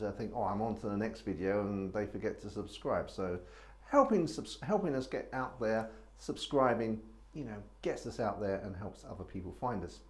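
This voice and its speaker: A man hosting a casual wine tasting, chatting and rambling with many restarts. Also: on the low side. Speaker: wine reviewer host.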